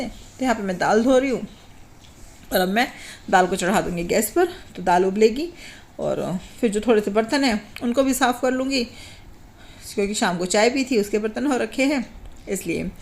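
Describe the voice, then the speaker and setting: While cooking in her kitchen, a mother chats to her viewers in a casual home vlog. Her voice is on the high side. She rambles, repeats filler phrases and clears her throat after a recent cough.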